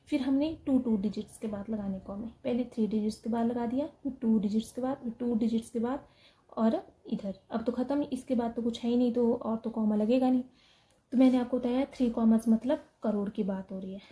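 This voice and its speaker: A woman maths teacher giving a step-by-step explanation, patiently asking and answering her own questions and reading out digits slowly one by one. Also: fairly high pitch, mellow, low-quality recording.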